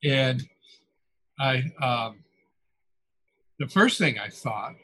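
An older man, an author guest in an interview, telling stories in a reflective, musing way with frequent soft chuckles and trailing fillers. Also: mid-range voice, lively intonation, very slow, poor audio.

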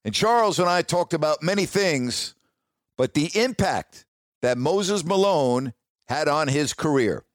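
American man, slightly high voice, upbeat podcast host, emphatic and excited, dry sound. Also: measured pace, no room sound. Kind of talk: upbeat podcast intro and casual chat.

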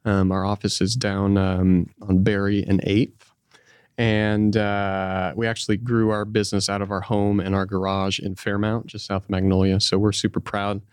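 A man speaks as a podcast guest in a low voice, recorded dry. He talks casually, with halting self-corrections along the way. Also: flat delivery, clean tone, no echo. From Texas, United States. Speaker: podcast guest, small business founder. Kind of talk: casual interview talk.

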